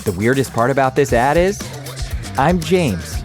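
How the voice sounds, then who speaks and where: Speaking over music, the audio educator delivers a casual, upbeat and direct tutorial to camera into an arm-mounted studio condenser mic. His medium-pitched voice is sing-song and unhurried.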